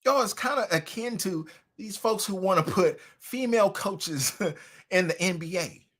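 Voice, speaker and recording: A man hosting a livestream commentary, mocking and preachy, with loud swings in volume. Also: high-pitched, expressive, unhurried. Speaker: commentary host.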